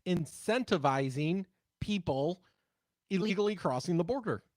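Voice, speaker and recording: A former TV news worker now co-hosting a talk radio show chats casually and tells stories in a conversational tone. His voice is high with lively intonation, at normal speed, with no room sound.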